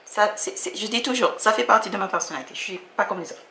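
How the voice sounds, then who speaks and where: A woman with a Caribbean French accent comments casually, full of chatty, self-mocking asides. Her voice is bright and forceful with a gravelly edge. The room around her is echoey. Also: mid-range voice, quick pace, slight background noise. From Dominica. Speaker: vlogger reacting to her old video.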